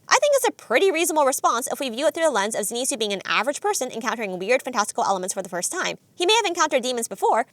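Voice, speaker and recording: A woman's voice: fairly high pitch, fairly bright tone, no room sound. A woman narrating a scripted video essay in an analytical, enthusiastic way.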